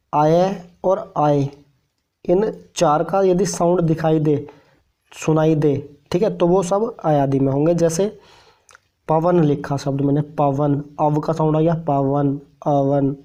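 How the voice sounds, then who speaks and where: A man's voice: fairly high pitch, dark tone. A man teaching Hindi grammar for exam prep. He explains patiently, repeats each point, checks in often and drags vowel sounds out to demonstrate them. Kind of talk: classroom-style explanation.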